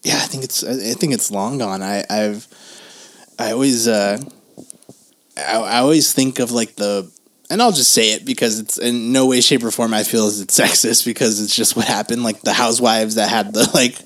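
A man's voice: fairly low pitch, moderate pace, a bit bright. A man in casual conversation, opinionated and slangy, who swears freely and often chuckles as he talks. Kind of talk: casual chat.

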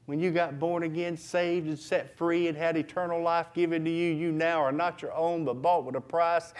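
High-voiced, animated male preacher. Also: moderate pace. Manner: animated, swings between loud outbursts and quiet asides; acts out prayers in dramatic voices. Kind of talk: sermon. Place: church.

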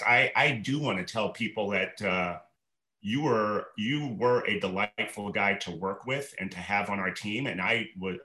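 A man in his forties, a restaurant manager guesting on a podcast, talking in a rambling, relaxed way full of fillers and restarts. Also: fairly low pitch, echoey room. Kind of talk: relaxed conversational interview.

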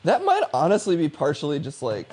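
A man co-hosting a gaming podcast in casual chat, animated and swearing freely. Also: fairly high pitch, a little fast. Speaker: podcast co-host. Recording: roomy echo.

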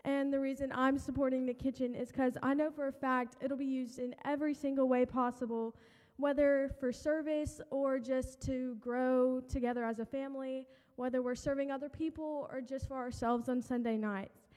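A woman's voice: sits high, steady tone, moderate pace, a little mellow. A young female youth group member giving a prepared testimonial speech to a church congregation. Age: teens to young adult. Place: large church room. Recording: reverberant church hall.

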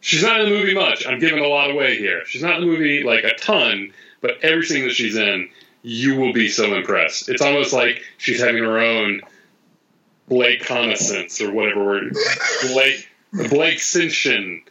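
A man's voice: mid-range voice, expressive, moderate pace, sharp tone, dull audio. A man co-hosting a casual podcast, chatting and growing enthusiastic. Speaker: podcast co-host. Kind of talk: casual chat.

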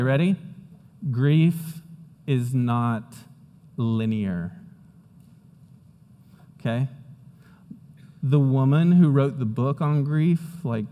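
A man preaching a sermon as pastor, earnest and emphatic, dropping to a hushed tone at times. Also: fairly high pitch, long reverb tail.

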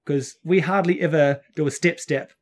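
Higher-voiced man with a broad Kiwi accent. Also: fairly even intonation, moderate pace. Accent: New Zealand. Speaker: podcast co-host and dance teacher. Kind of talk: casual podcast chat. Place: outdoors on a front deck at home.

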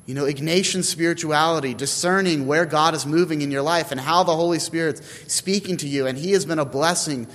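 A priest reads scripture, then slips into relaxed, conversational preaching with the odd filler. His voice sits a touch high for a man. The long reverb of a church carries every phrase. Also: a little fast, hardly any pauses. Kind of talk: scripture reading and homily.

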